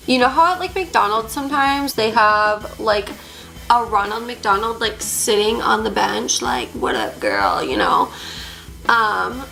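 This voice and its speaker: Chatty young woman with gravelly fry. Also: medium pitch, a bit bright, rough recording. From Upper Peninsula, Michigan. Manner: chatty, many "like" fillers; slight lisp at times. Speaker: beauty vlogger. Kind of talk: casual get-ready-with-me chat.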